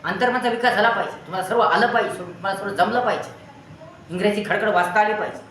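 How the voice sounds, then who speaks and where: A man's voice: sits high, fast talker, bright, forceful tone, slight background noise. A man teaching, giving students an earnest motivational talk in long repeated lists of advice. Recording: very echoey room with faint ambience.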